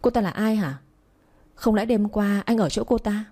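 A woman's voice: mid-range voice, normal speed, warm tone, lightly acted. A woman reading the lines of a clingy, jealous young woman in a spoken romance story, demanding and pleading.

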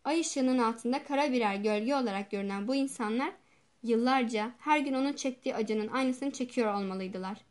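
Brief: woman audiobook narrator, high pitch, steady measured storytelling. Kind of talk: scripted narration.

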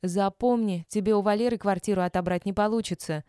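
A woman's voice: animated, normal speed, dark tone, no echo, clean studio sound, natural voice. A woman doing a brash, rude young woman. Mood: defiant. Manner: raised, indignant and shrill.

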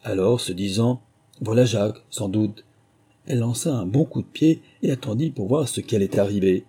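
Warm husky male storyteller. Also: mid-range voice, lively intonation, a little fast. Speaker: audiobook narrator. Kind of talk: scripted narration.

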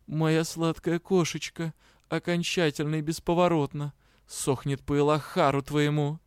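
A man's voice: on the high side, level tone, moderate pace, clear, resonant tone, dry recording, studio quality, natural voice. A man reading an audiobook, voicing a smug, lazy male cat spirit who talks in a languid, self-satisfied way.

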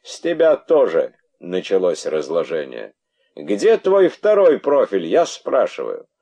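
A man reading aloud as an old, pompous python king who declaims his outrage loudly and theatrically. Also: high-pitched, very slow, smooth, voice pushed up. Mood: indignant ranting.

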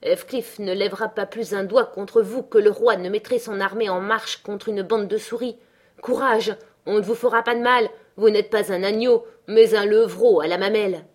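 A woman voicing a proud, quick-tempered young woman in an audiobook, scornful and dramatic. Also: mid-range voice, steady tone, a little mellow, close to an everyday voice. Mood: mocking. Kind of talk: audiobook character reading.

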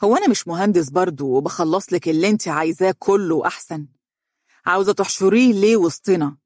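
A man's voice: sits high, fast, a little mellow, no room sound, studio quality. A man voicing a jealous, resentful engineer with an Egyptian accent in an audiobook. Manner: resentful, mocking. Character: jealous, angry male engineer, adult. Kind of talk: audiobook character reading.

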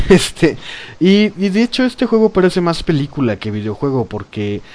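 A man's voice: on the high side, normal speed. Chatty man hosting a podcast. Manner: animated, laughs often, trails off with fillers. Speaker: podcast host. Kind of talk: casual gaming chat.

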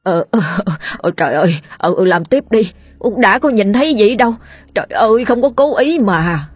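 A woman's voice: lowish voice, fairly quick, breathy edge, no echo. A woman voicing a pompous, tipsy old man who poses as a holy master. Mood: flustered. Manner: lofty, then whiny and flustered.

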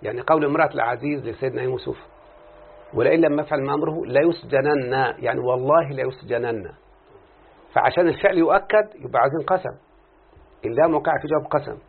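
Husky Egyptian teacher on tinny audio. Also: male voice, medium pitch, fast talker. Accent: Egyptian Arabic. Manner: explains step by step, often quizzing students. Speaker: teacher of Arabic morphology. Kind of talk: religious classroom lesson. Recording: tinny lo-fi phone-like recording.

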